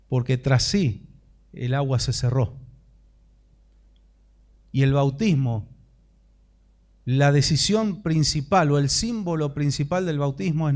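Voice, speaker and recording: A man's voice: medium pitch, a little mellow. A man preaching a sermon as pastor, impassioned and rising into fervent prayer.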